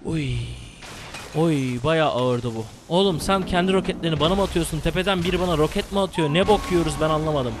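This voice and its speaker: A young man commenting live on his own gameplay, excitable and swearing, yelling at the game. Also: on the high side, fast, background noise. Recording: game music behind the voice. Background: game music and gunfire.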